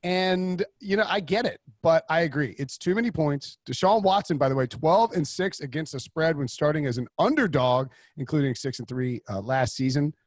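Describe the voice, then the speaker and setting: A man hosting a casual sports betting podcast, talking in an animated, rambling way with many restarts. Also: fairly high pitch, normal speed, hardly any pauses, no room sound, studio quality. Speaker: podcast host.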